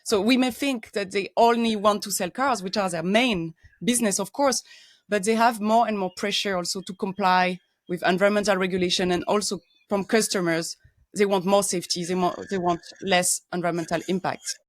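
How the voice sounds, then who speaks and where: A middle-aged woman speaks English with a French accent, explaining her engineering work with care. She pauses often to search for words and fills the gaps with ums. Her voice sits at an ordinary pitch, recorded close and dry with no room sound. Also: fairly even intonation, no echo. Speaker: guest expert, engineer. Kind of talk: casual podcast interview.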